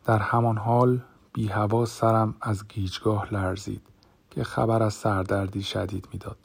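A man narrating a first-person audiobook in a measured, dramatic way, sometimes dropping to a hush. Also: fairly low pitch, flat delivery, creaky, breathy edge.

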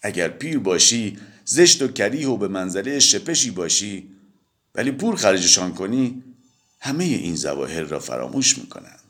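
A man giving an expressive, dramatic audiobook reading of a novel, telling the story in the first person as if to a listener. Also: lowish voice. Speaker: audiobook reader.

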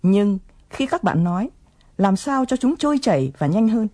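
A woman's voice: mid-range voice, very animated, normal speed, warm tone. A woman presenting an English lesson, explaining phrases patiently and coaxing learners to repeat them.

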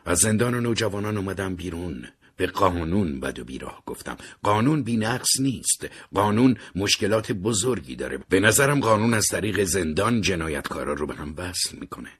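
Very deep, husky male storyteller. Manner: calm, even first-person storytelling. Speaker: narrator. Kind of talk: scripted storytelling narration.

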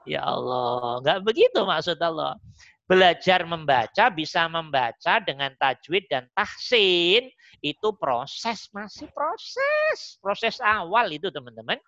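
A man gives an informal religious lesson in a bright, forceful voice, repeating his points and often asking whether everyone follows. The audio is dull and lo-fi, with dry, close sound and no room echo. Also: fairly high pitch, expressive, a little slow. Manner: repetitive, keeps checking that listeners understand. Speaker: Islamic teacher (ustaz).

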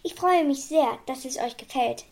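A woman reading a children's story aloud, voicing a kind, gentle male animal doctor. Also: high-pitched, moderate pace. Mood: kindly.

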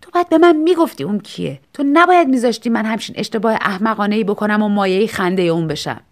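A woman's voice: medium pitch, lightly acted. A woman voicing an easily upset young man who exclaims in protest, in a storybook reading. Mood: indignant. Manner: exclaiming, indignant.

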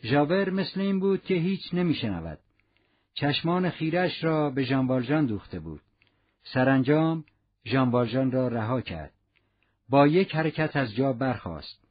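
A man reading a novel aloud as narrator, in a measured storytelling manner. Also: mid-range voice, animated. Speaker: audiobook narrator. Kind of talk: scripted narration. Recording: muffled lo-fi recording.

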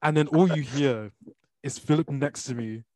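A man's voice: mid-range voice, normal speed, no echo. Playful man hosting a podcast. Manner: playful, mock-formal, excitable. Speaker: podcast host. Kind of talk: casual chat.

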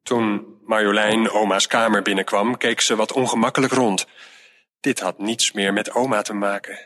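Bright-voiced man reading a storybook. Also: on the low side, steady tone, moderate pace. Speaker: narrator.

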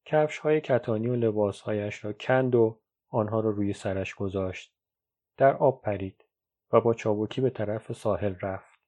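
A man reads a novel aloud at a measured, even storytelling pace. His voice sits fairly low. The recording is dull and lo-fi. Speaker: audiobook narrator. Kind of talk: scripted literary narration.

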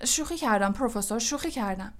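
A woman voicing an excitable young male quidditch commentator in an audiobook, calling the match fast and loudly taking sides. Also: fairly high pitch, close to an everyday voice. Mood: cheeky. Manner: rapid, shouting, openly partisan commentary. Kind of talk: audiobook character voice.

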